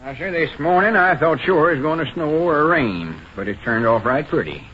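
A man's voice: fairly high pitch, lively intonation, normal speed, natural voice. A man playing a talkative, opinionated small-town character with a rural Southern accent in a 1940s radio comedy. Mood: conversational. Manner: folksy, drawling, homespun. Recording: muffled, noisy 1940s radio recording.

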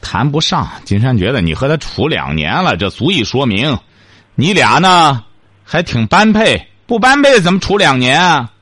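A man's voice: mid-range voice, very animated, normal speed, fairly bright tone, slightly rough, no room sound. A male radio call-in host who gives advice in a teasing, sarcastic, needling way, speaking close to a studio microphone.

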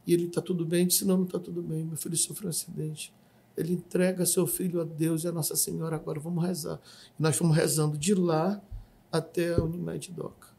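Husky-voiced man telling a testimony. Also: a little high, little pitch movement, fairly quick. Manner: vivid storytelling, acts out shouts and quotes. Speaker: podcast guest giving testimony. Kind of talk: emotional personal testimony.

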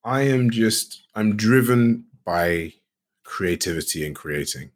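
A man being interviewed as a guest, speaking in a relaxed, rambling way with many "you know"s and restarts. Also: fairly low pitch, takes it slowly. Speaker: guest, actor and game studio founder. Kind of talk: casual interview chat.

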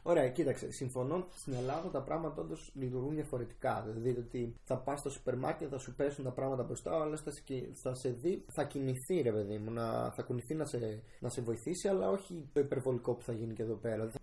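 Dark-voiced young man arguing playfully. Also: mid-range voice, creaky, hardly any pauses, slight background noise. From Greece. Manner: animated, argumentative, playful. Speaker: debater. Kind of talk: casual debate chat.

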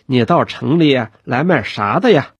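A man voicing a brisk, good-humoured county official who talks in a joking way. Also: medium pitch, expressive, slightly rough, no room sound, full character voice. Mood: chatty.

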